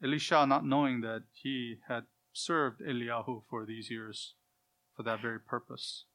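Male preacher, mid-pitched, emphatic expository teaching with loud stresses and quiet drops, Hebrew name pronunciations. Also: fairly even intonation, unhurried. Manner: uses Hebrew pronunciations of names.

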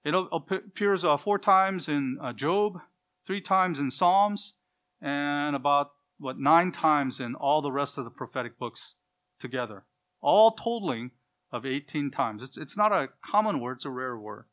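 A man's voice: a little high, expressive, a little slow. Emphatic male Bible teacher. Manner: emphatic, swings from loud stresses to quiet asides; uses Hebrew pronunciations of names. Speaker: preacher.

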